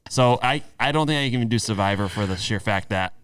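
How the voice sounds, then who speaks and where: A laid-back man co-hosting a casual podcast, trading jokes in a relaxed way. His voice is smooth and resonant, a bit low, recorded dry and close. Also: fast talker, no room sound. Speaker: podcast co-host. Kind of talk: casual chat.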